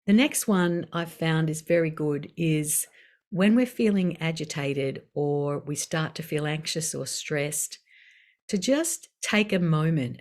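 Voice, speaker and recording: Middle-aged woman, low voice, calm unhurried facilitator of a wellbeing session. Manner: calm, unhurried, gently guiding with pauses. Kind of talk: guided self-care talk.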